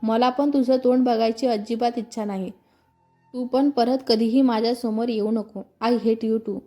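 A woman voicing a stubborn young man in a storybook reading, answering back with defiant shouting. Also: a little high, fairly even intonation, a little slow, faint music behind, natural voice. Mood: angry.

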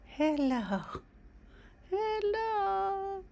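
A woman voicing a friendly furry puppet in a squeaky ventriloquist dummy voice, with short, simple replies. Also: big pitch swings, very slow, gravelly, darkish tone, heavily acted. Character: friendly, giggly, agreeable furry puppet named Charlie. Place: living room.

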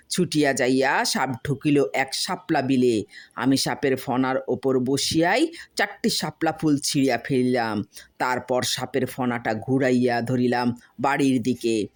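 Using a bass voice, a woman reads a storybook role as a bragging village husband who tells excited tall tales and repeats words for suspense.

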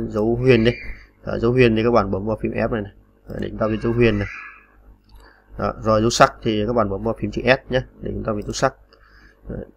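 A man's voice: fairly low pitch, gravelly, slight background noise. A man teaching typing on a computer in a patient, step-by-step way, with many small fillers. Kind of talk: screen-recorded typing tutorial.

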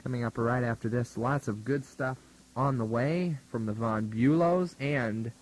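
On a rough 1980s college radio aircheck tape, a young American man DJs from a radio studio, announcing music and chatting casually and wryly. His mid-range voice is unhurried.

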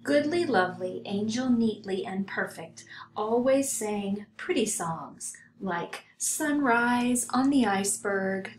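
Older lady reading a kids book out loud, takes her time, roomy with faint hiss. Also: mid-range voice, animated, takes it slowly, hardly any pauses. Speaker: storybook reader. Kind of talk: read-aloud children's story narration. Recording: roomy home recording, some hiss.

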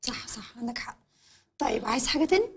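An actress in an Egyptian sitcom with an Egyptian Arabic accent, speaking in teasing, suspicious banter. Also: female voice, high voice, lively intonation, racing. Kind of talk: TV sitcom acting.

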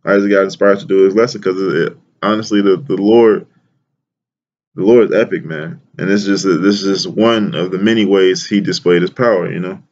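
A man's voice: deep voice, fairly quick. Slangy man reading scripture, lo-fi. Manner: slangy, excited, repeats words, says "man" often. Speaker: bible teacher. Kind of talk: casual scripture reading and commentary.

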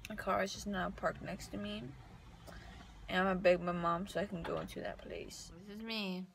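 Groggy, numb-mouthed young woman, low and creaky. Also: lively intonation, normal speed. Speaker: vlogger. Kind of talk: casual video diary. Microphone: phone at arm's length. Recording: noisy phone recording.

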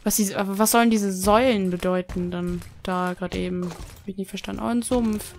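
A woman's voice: medium pitch, fairly even intonation, fairly quick, darkish tone, a little hiss or hum. A young woman chatting her way through a horse-riding video game, reading quest text aloud and grumbling when she gets lost. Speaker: Let's Play gamer. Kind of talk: casual gameplay commentary.

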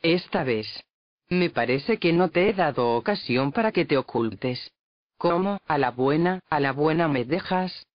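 A man reads a devotional text in a measured, reverent manner, announcing numbered entries and dates. His voice sits a little high. The recording is dull and lo-fi, with a close, dry sound and no echo. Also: expressive. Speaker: reader. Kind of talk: devotional book reading.

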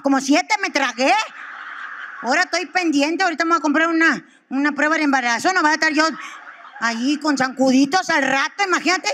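A Mexican woman in her thirties doing stand-up comedy. She is crude and profane and acts out the people in her stories. Her voice sits high. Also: a bit bright.

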